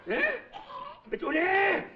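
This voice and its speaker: A man's voice: extremely high pitch, very animated, fairly quick, vocal fry, very noisy, heavily acted. An actor playing a fussy, short-tempered male Arabic tutor with an Egyptian accent, who over-enunciates every letter and lectures. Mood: quarrelsome. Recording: roomy distant dull film audio.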